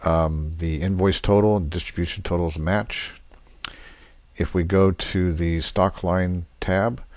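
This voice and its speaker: Speaking in a rumbling low voice, a man demonstrates software on a screen recording, unscripted and matter-of-fact, moving methodically through each step. The recording is dry.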